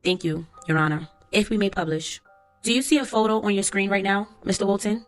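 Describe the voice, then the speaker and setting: Woman reading as a lawyer asking careful formal questions, mid pitch, faint music under it. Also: fairly even intonation, brisk, natural voice. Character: courtroom lawyer questioning a witness. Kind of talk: transcript read-aloud.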